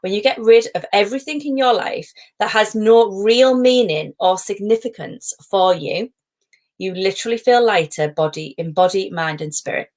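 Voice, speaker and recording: A woman's voice: medium pitch, moderate pace, darkish tone. A middle-aged woman, hosting a live stream as a positivity coach, chatty and digressive with frequent laughs. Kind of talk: casual live-stream talk.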